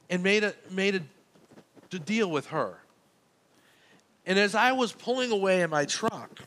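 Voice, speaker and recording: A man's voice: sits high, fairly bright tone. A man preaching a sermon, telling a personal story in a conversational way and acting out the back-and-forth of the conversation. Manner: conversational storytelling, recounting dialogue. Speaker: pastor. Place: church.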